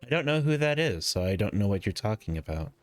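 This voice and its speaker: Man casually streaming, with lively pitch. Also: quick pace. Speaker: game streamer. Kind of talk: casual gameplay commentary, reading choices aloud. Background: game music.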